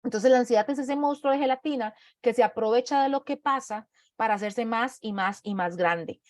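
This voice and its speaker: A woman's voice: on the high side, fairly quick, darkish tone, no echo, studio quality. A woman giving an online talk, explaining things conversationally and acting out inner voices, often checking in with her listeners. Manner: conversational, acts out inner voices, tags with ¿verdad?. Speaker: speaker giving a talk on anxiety.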